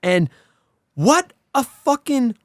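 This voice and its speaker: Animated, sweary male podcast co-host. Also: extremely high pitch, slow pace, dry recording, studio quality. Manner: animated, sweary retelling with acted-out quotes. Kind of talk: casual film discussion.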